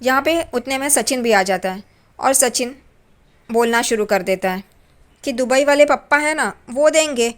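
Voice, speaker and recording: A woman's voice: fairly high pitch, normal speed. A woman casually retelling a TV serial episode scene by scene, reading out the characters' lines in plain quotes. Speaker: serial recap narrator. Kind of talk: casual spoken plot recap.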